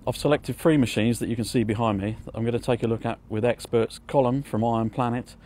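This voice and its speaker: A man's voice: medium pitch, fairly even intonation, fast talker, a little mellow. Upbeat man hosting an interview. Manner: upbeat, brief prompting questions. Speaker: blog host, interviewer. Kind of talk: on-site interview. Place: outdoors at an equipment auction yard.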